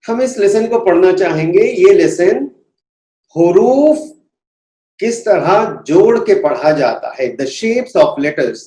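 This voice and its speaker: Very slow, deliberate male recitation teacher. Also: sits high, lively intonation, warm tone. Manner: deliberate, repeats each letter sound several times. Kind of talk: slow instructional lesson. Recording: echoey room.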